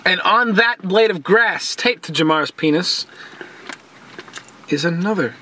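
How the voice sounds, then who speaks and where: A young man casually spinning absurd made-up scenarios in a deadpan way, with drawn-out pauses. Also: high voice, a little hiss or hum.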